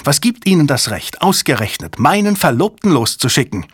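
Guy doing an outraged young woman in an audiobook, pitched up high, husky and dry. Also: sing-song, normal speed, no room sound. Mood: indignant. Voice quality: indignant, clipped questions. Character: angry young woman, sharp cryptographer. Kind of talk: audiobook character voice.

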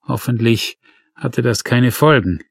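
A man narrating a crime novel in a measured, wry way. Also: medium pitch, vocal fry, husky, dry recording, clean studio sound. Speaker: audiobook narrator.

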